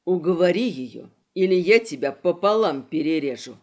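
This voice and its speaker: A woman's voice: lowish voice, lively intonation, moderate pace, a little mellow, pitched below the performer's own voice. A woman voicing a menacing male fighter who barks orders and hisses threats. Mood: commanding, menacing. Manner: hissing, barking orders.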